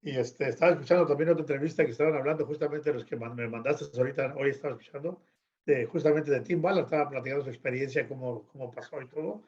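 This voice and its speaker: A man's voice: medium pitch, fast talker, darkish tone, highs cut off. A man in a casual discussion, speaking earnestly and restarting his phrases. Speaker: guest.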